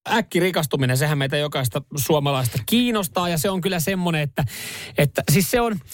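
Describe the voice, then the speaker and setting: A man's voice: a little high, no room sound, clean studio sound. A man hosting a casual chat show, rambling and laughing easily as he tells stories. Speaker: radio show host.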